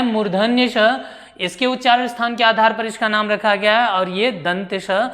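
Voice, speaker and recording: A woman teaching a Hindi grammar lesson who asks her pupils rhetorical questions, answers them herself, and repeats key words slowly. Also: on the high side, fairly bright tone, long reverb tail. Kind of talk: classroom-style grammar lesson.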